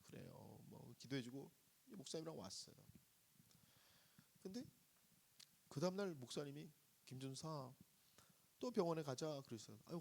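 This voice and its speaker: A man's voice: fairly high pitch, gravelly, darkish tone, slightly rough. A middle-aged man preaching a sermon, telling a story and asking the congregation questions, acting out the voices of the people in it. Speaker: guest pastor preaching at a revival service.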